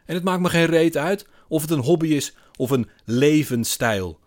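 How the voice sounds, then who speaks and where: A man doing a shouting, ranting bar-stool grumbler. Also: a little high, animated, fairly quick, voice pushed up. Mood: indignant. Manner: indignant, shouting, bellowing. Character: angry middle-aged man ranting at a bar.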